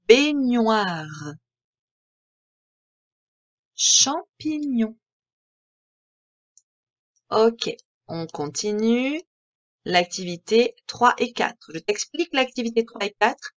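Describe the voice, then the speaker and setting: A woman with a French accent, teaching a reading lesson to young children in a slow, clear, patient way that spells out each word. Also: a little high, highs cut off. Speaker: primary school teacher.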